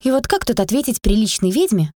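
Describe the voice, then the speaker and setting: A woman narrating a fantasy audiobook in the first person, with a lively, expressive reading. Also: on the high side, a little fast, dry recording, studio quality. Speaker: audiobook reader.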